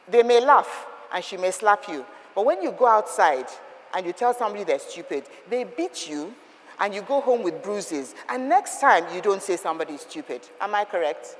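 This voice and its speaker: Emphatic woman, lively pitch. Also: fairly quick, slight background noise. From Nigeria. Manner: emphatic, firm, asks rhetorical questions. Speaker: etiquette trainer. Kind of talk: instructive talk to a group. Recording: long reverb of a hall.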